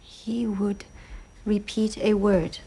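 A woman's voice: medium pitch, level tone, takes it slowly, warm tone, breathy edge. An actress playing a curious woman who eagerly echoes the other's words and keeps asking questions. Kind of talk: film dialogue.

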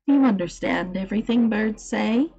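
A woman's voice: medium pitch, normal speed, creaky, mellow, husky, muffled recording, voice pushed up. A woman voicing a shy young girl who asks earnest, eager questions, in a storybook reading.

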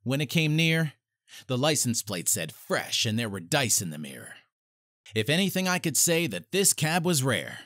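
A man's voice: medium pitch, very animated, a bit bright, dry recording. A man in his thirties or forties giving a hammy, theatrical dramatic reading, recorded close on a studio microphone in a small home studio. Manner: theatrical, with big swings and drawn-out phrases. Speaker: voice-over performer. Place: small home studio with foam-treated walls.

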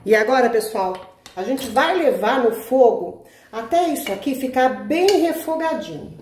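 A woman's voice: on the high side, lively intonation, measured pace, darkish tone, a little hiss or hum. A Brazilian woman hosting a home cooking tutorial, chatting casually with viewers and checking in with them every few words. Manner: chatty, asks "tá?" constantly, addresses viewers as "gente". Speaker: cooking channel host. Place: home kitchen, indoors. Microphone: camera mic, speaker off-camera. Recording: echoey kitchen room.

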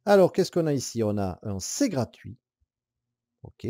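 A man's voice: medium pitch, sing-song, a little slow, no echo, clean studio sound. A man playing a board game alone and explaining the rules as he goes, thinking aloud, counting dice and weighing his moves in a casual way. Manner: casual, with hesitant fillers and soft laughs. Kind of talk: solo board game playthrough tutorial.

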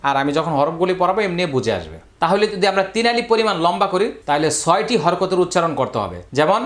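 A Quran reading teacher giving a step-by-step recorded lesson, drilling letter sounds in slow, repetitive chants and stretching vowels to show their length. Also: medium pitch, big pitch swings.

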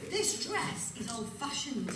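A woman's voice: fairly high pitch, very animated, takes it slowly. A British woman playing a stroppy, whiny teenage princess in an amateur stage pantomime. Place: theatre stage, far camera. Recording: distant, very echoey, noisy stage recording.

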